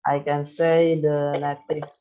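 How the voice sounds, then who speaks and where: Young student reading in a flat, slow voice. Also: medium pitch, dull audio, crowd noise. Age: young adult. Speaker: student presenter. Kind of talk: reading a class presentation.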